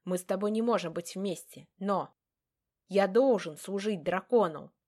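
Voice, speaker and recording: A woman voicing an anxious, quick-tempered young male mage in an audiobook, with urgent, pleading outbursts. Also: medium pitch, mellow, lightly acted. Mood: heated. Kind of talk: audiobook character reading.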